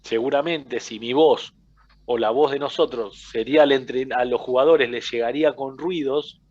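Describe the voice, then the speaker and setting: A man's voice: medium pitch, normal speed, darkish tone, highs cut off. A man with an Argentine accent teaching a coaching class, explaining with everyday examples and often checking in with his listeners. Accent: Argentine Spanish. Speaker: football coaching instructor. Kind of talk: casual classroom lecture.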